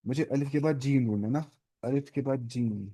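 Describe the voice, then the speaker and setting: A man's voice: medium pitch, fairly quick, mellow. Man teaching Arabic, thinking aloud. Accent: Urdu-speaking. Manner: thinks aloud, looks up words, corrects himself. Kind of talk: online language lesson.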